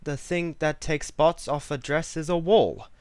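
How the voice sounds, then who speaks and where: A man's voice: a little high, measured pace, a little mellow, smooth, no echo, lightly acted. A man doing a cocky, mischievous storybook cat. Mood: boastful. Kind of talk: storybook read-aloud.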